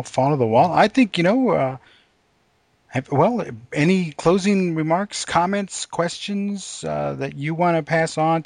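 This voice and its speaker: A man hosts a podcast, chatting casually with his guest in an interview. His voice is a little high, and there is no echo.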